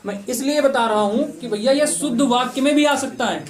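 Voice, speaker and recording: A man's voice: very high-pitched, normal speed. Male teacher, exam-prep class, asks then answers his own questions, repeats points, voice a bit far from the mic. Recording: voice somewhat distant from the mic.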